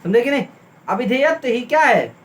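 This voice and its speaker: A man's voice: very high-pitched, very animated, fairly quick, a bit bright. Man teaching, checking understanding. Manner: keeps asking students if they understood, repeats terms in lists. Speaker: Sanskrit teacher. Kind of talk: classroom lesson, explaining a text. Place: classroom.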